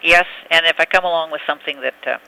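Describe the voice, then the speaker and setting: Halting, creaky-voiced elderly woman reminiscing. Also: sits low, sharp tone, slight background noise, poor audio. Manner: halting, reminiscing, searching for words. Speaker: oral history interviewee. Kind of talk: reminiscing in an interview. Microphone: telephone. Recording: telephone interview recording.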